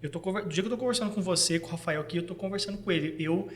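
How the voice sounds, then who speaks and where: A man's voice: high-pitched, very fast. A man hosting a casual faith podcast, talking in an earnest, rambling way and often cutting himself off mid-sentence. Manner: earnest, rambling, self-interrupting.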